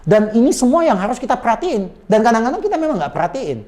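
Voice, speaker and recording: A man coaching on sales manners in a lively conversational talk, explaining with quick asides and often addressing his listener politely. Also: very high voice. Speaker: sales trainer.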